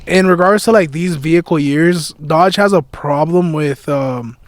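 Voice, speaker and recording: High-pitched young man, podcast host, casual chat, laid-back slangy talk. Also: unhurried, no echo.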